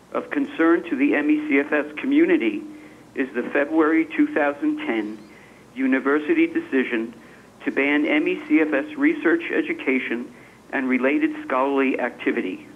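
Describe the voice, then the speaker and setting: A man speaking over the phone, reading a prepared statement as a public commenter in a formal, measured way, in short phrases. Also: fairly high pitch. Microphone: telephone. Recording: tinny phone line with faint noise.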